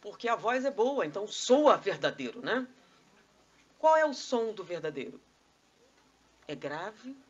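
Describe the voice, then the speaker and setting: A woman's voice: mid-range voice, big pitch swings, a little slow, pauses often, muffled recording, slight background noise. A woman with a Brazilian accent giving a live spiritist lecture, full of rhetorical questions and conversational asides. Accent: Brazilian Portuguese. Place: spiritist society meeting hall.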